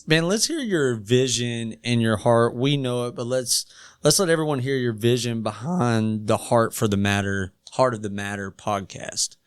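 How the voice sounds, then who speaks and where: A man with a Southern US country accent hosting a casual podcast interview, jokey and quick to laugh. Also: mid-range voice, clear, resonant tone, no room sound, studio quality. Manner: jokey, laughs easily, loose and friendly. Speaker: podcast host.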